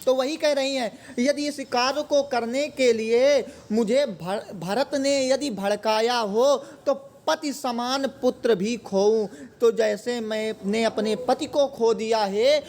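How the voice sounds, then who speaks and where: A man's voice: extremely high pitch, a little mellow. A man explaining a poem line by line, asking his own questions and answering them. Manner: repeats words and asks questions then answers them himself. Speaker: Hindi teacher.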